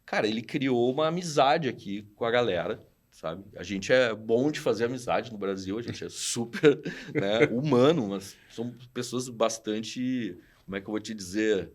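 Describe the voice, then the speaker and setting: Speaking at a medium pitch and moderate pace, a man in his forties with a southern Brazilian Portuguese accent, from Rio Grande do Sul, recounts old stories as a podcast guest and studio founder. It's casual storytelling, delivered in an animated, slangy style where he acts out what others said.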